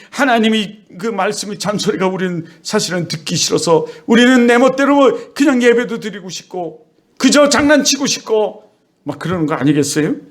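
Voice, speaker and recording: A middle-aged male pastor delivers a sermon with a fairly high-pitched voice. He preaches in a lively way and slips into the voices of children and parents to make his points.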